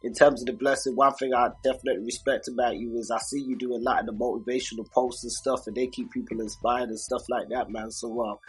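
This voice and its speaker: A man's voice: medium pitch, little pitch movement, quick pace, hardly any pauses, husky. A man from the UK hosting a casual interview, speaking in a friendly, informal way with many fillers. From United Kingdom.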